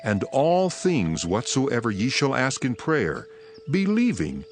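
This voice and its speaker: An actor playing Jesus as an authoritative teacher in a dramatized scripture reading, solemn and emphatic. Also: male voice, medium pitch, wildly swooping pitch, takes it slowly, full character voice. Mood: commanding. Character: Jesus, authoritative male teacher telling parables. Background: background music.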